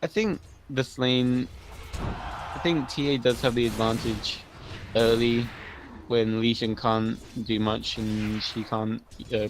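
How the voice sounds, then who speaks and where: A man's voice: lowish voice, a little hiss or hum, poor audio. A man giving live analysis of a video game match in a chatty, analytical way. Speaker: esports caster.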